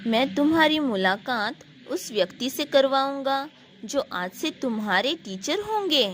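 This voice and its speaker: A woman voicing a calm, caring male duke who speaks gently and reassuringly to his adopted daughter, in a storybook retelling. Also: high-pitched, a little slow, a little hiss or hum, heavily acted. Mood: gentle.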